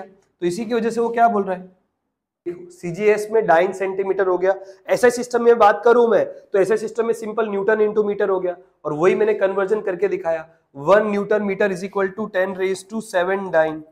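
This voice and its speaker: High-voiced male physics teacher. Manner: coaxing, asks the class check questions, mixes English terms into Hindi. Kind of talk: online classroom lesson.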